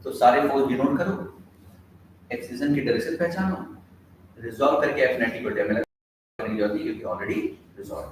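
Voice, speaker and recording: A man's voice: mid-range voice, a little hiss or hum. Echoey, distant male physics teacher. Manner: addresses students, asks questions, dictates formulas slowly. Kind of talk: classroom lecture. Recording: echoey room, heard from a distance.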